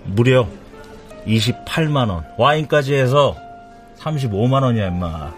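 An actor playing a smooth-talking young recruiter who acts like a friendly older brother, chummy and persuasive. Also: male voice, mid-range voice, expressive, normal speed, soft background music, natural voice. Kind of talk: TV drama acting.

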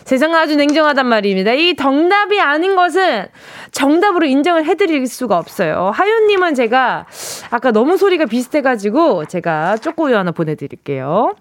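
A woman's voice: sits high, very animated, a little fast, no echo. A young woman radio DJ in a studio, reading out listener messages in a playful quiz chat and mimicking the sounds they describe. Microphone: studio microphone.

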